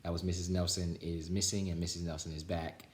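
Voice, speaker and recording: The reader here is a man with a low-pitched voice, little pitch movement and a slightly fast pace, and a little hiss or hum sits in the audio. He does an animated read-aloud of a children's storybook, chats casually with viewers and signs off, indoors at home with roomy echo.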